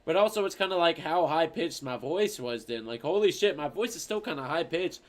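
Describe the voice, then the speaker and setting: A man's voice: on the high side, expressive, fairly quick. A man streaming, reacting to an old video of himself, rambling and swearing casually with a lot of fillers. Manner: rambling, profane, lots of fillers.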